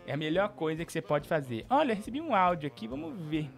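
A man hosting a comedic live stream, joking with callers and swinging between murmured asides and theatrical shouting. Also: sits high, sing-song, quick pace, creaky, faint music behind.

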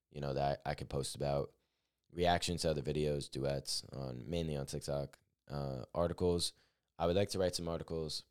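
An eighteen-year-old man hosts his own podcast, talking alone through his plans in an earnest, upbeat, rambling way packed with fillers. His voice is bass, darkish and clean.

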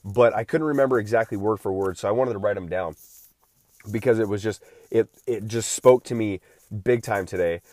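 Rambling man in his thirties, low voice. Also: brisk, darkish tone, no room sound, studio quality. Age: 30s. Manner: rambling, with many restarts and filler words. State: recovering from feeling unwell. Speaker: podcast host. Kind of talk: casual solo podcast monologue.

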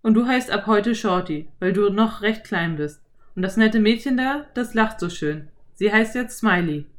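A woman voicing a lanky, friendly male cowboy in an audiobook, speaking loudly with an easy, self-assured drawl. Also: medium pitch, animated, normal speed, close to an everyday voice. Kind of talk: audiobook character voice.

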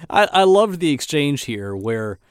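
A man's voice: on the high side, big pitch swings, a little slow, clear, resonant tone, no room sound, clean studio sound. A man co-hosting a podcast, casually narrating an episode recap with wry jokes. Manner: wry, joking. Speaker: podcast co-host.

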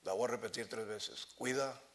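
Impassioned pastor, bright voice. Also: male voice, measured pace. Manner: impassioned preaching, swinging from loud cries to low murmurs. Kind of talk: sermon. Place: church sanctuary.

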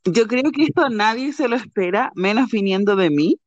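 A Chilean woman co-hosts a relaxed podcast chat in a slightly raised voice. She stays calm, with dry humor and soft laughs. Her mic sounds dull and a little muffled, close and dry. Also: fairly high pitch, moderate pace, no echo. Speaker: podcast co-host. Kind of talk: casual chat.

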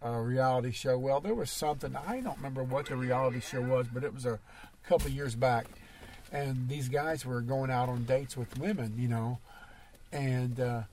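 A man in casual chat, talking in a drowsy, halting way with many fillers. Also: mid-range voice, darkish tone, slight background noise.

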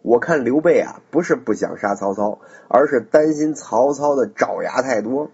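A man voicing a blunt, hot-tempered frontier general who talks forcefully and indignantly, in a storytelling recording. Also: medium pitch, animated, normal speed, husky. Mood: confident. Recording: dull lo-fi recording.

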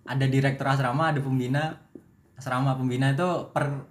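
A man's voice: medium pitch, level tone, fairly quick, a little hiss or hum. A young man talking casually in a podcast chat, rambling and breaking off mid-sentence, often laughing at himself. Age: young adult. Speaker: guest.

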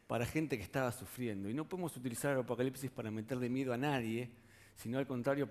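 His sermon is conversational and delivered in a mid-range voice with a Rioplatense Spanish accent. Again and again, he puts rhetorical questions to the congregation.

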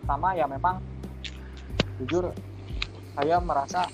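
A young man, a university student, talks haltingly with long pauses in an online interview, his audio breaking up and cutting out. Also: fairly high pitch, steady tone, loud music behind the voice. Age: young adult. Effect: choppy audio that keeps cutting out.

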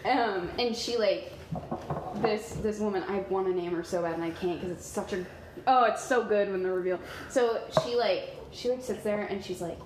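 A woman's voice: medium pitch, moderate pace. Woman game master rambling through a tabletop scene, tons of fillers, echoey noisy room. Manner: rambling, filler-heavy storytelling. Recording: roomy, noisy recording.

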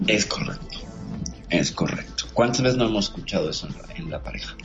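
A man with a very low voice explains things in a measured, lecturing way as host. The sound is dull and lo-fi, with faint music behind him. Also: expressive. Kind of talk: explanatory talk show.

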